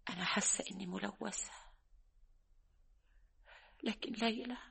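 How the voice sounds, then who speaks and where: An actress with an Egyptian accent playing a guilt-ridden, tearful young village woman in a vintage radio drama, with a raspy, breathy voice. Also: deep voice, exaggerated voice. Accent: Egyptian Arabic.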